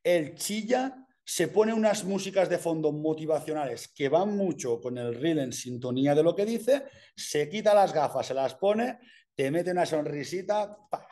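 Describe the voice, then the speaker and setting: A man with an accent from Spain, giving an energetic, casual mentoring talk full of slang and swearing. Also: on the high side, normal speed. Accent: Spain Spanish. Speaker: personal branding mentor.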